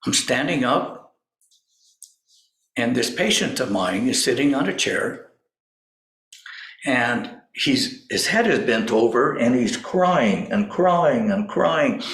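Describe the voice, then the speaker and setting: A man slowly telling a personal story, pausing often and acting out what others said. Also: medium pitch, lively intonation, fairly bright tone, roomy sound, low-quality recording. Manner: slow, halting storyteller who acts out quoted voices. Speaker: spiritual speaker. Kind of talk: storytelling talk.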